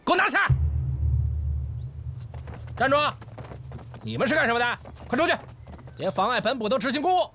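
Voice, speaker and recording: An actor playing a swaggering, bullying local constable in a period TV drama. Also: male voice, extremely high pitch, big pitch swings, normal speed, long pauses, sharp tone, a little hiss or hum, exaggerated voice. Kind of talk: TV drama acting.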